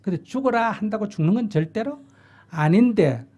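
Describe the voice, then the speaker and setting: A man's voice: sits high, expressive, normal speed, darkish tone, muffled recording. An older man, a Buddhist monk, giving blunt, plain-spoken advice in a dharma talk and acting out what parents and children say. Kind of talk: dharma talk answering a question.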